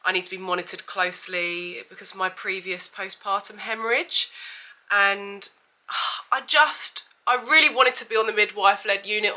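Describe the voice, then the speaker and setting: Her mid-range voice sounds bright and forceful, even though she has a cold and a stuffy, sniffly nose. She's a vlogger in her thirties, talking casually and candidly to the camera with frequent fillers.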